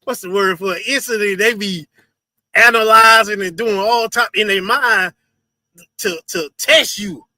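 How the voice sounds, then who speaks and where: A man hosts a casual livestream, reacting to a video loudly and emphatically, repeating phrases and laughing often. His voice is high and a little slow, with no room sound.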